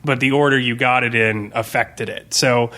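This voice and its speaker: Here the game master looks back on his campaign in an easygoing tabletop podcast discussion. He speaks at a normal speed in a mid-range voice, pushed and bright, with fairly even intonation.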